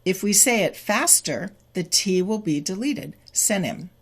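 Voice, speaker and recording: A woman teaching English pronunciation, explaining sound changes step by step and repeating example phrases slowly. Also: mid-range voice, lively intonation, breathy edge. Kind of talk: slow, deliberate teaching explanation.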